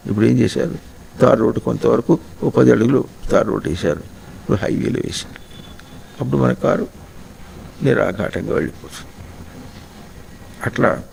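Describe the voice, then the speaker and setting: A man giving a slow, reflective spiritual discourse to householders, often pausing to ask his listeners questions. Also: mid-range voice, gravelly, a little mellow, slight background noise, low-quality recording. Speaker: spiritual teacher.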